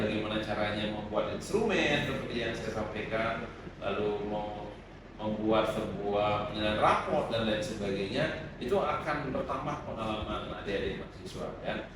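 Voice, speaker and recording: Man lecturing in an echoey room. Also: fairly low pitch. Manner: calm and instructive, with many "eh" fillers. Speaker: guest lecturer on assessment. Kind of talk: podcast interview, advising students. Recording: echoey room, far from the mic, noisy.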